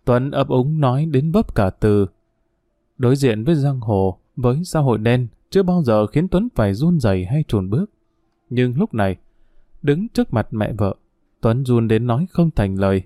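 Mellow male audiobook narrator. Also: mid-range voice, lively intonation, normal speed, dry recording, clean studio sound. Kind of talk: scripted story narration.

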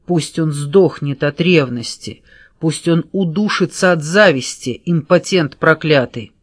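A woman reading an audiobook, voicing a desperate young woman who shouts defiance and pleads for help. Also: deep voice, measured pace, dry recording, studio quality. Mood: frantic pleading.

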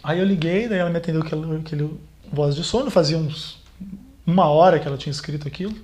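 Halting man, somewhat high voice. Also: darkish tone. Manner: halting, repeats words while reliving a painful moment. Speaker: pastor speaking as a therapy client. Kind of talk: personal account in a therapy session.

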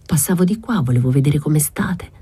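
A woman voicing a pale, fat friar, anxious and pious, speaking in a hushed, partly whispered voice. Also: low voice, animated, normal speed, breathy edge, exaggerated voice.

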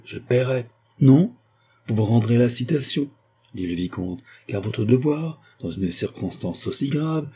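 A man reading a novel aloud as an audiobook narrator, giving the dialogue only small lifts in pitch and little change of voice. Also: mellow, a little hiss or hum.

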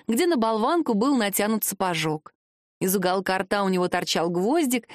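A woman reads a novel in the first person, measured and steady. Her voice sits fairly high for a woman. The recording is dry and close, with no room sound. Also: no room sound. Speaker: audiobook narrator. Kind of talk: scripted first-person narration.

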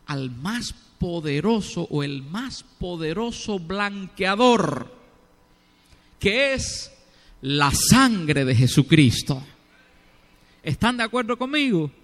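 A middle-aged man preaching a sermon, asking the congregation questions and leaning hard on key words. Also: on the high side.

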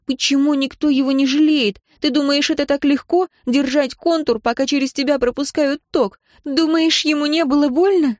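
A woman voicing an earnest young heroine in an audiobook, speaking gently and pleading. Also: medium pitch, steady tone, normal speed, no room sound, studio quality, natural voice. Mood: upset. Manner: gentle then pleading, voice rising when upset. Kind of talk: audiobook character reading.

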